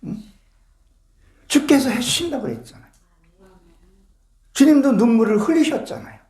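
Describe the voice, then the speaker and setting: A man's voice: very high-pitched, lively intonation, normal speed, warm tone, echoey room. A male pastor preaching a sermon to his congregation, fervent and full of rhetorical questions. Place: church sanctuary with congregation.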